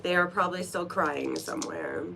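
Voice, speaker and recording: Sing-song and a little creaky with vocal fry, her lowish voice moves at normal speed. She's a sniffly tarot streamer with a cold, chatting playfully from her room before a card reading and giggling at her own jokes, with background noise present.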